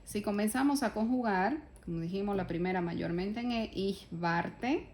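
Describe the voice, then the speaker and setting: A woman's voice: medium pitch, a little fast, darkish tone, a little hiss or hum. A woman teaching a German grammar lesson in Spanish, explaining patiently step by step and asking her students rhetorical questions. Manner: addresses the class as "ustedes", asks rhetorical questions. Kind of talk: spoken language lesson.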